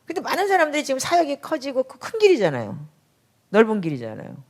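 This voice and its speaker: A middle-aged woman pastor preaches in a chatty, emphatic style. Her pitch swoops widely as she speaks, and she breaks into sudden loud outbursts. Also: huge pitch swings, fast talker. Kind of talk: sermon.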